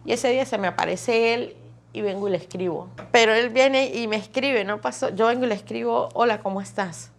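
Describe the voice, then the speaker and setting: A woman's voice: on the high side, fairly quick. A woman gives an emotional personal testimony. She tells her story vividly, stacking phrase on phrase and repeating words for emphasis. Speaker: testimony guest.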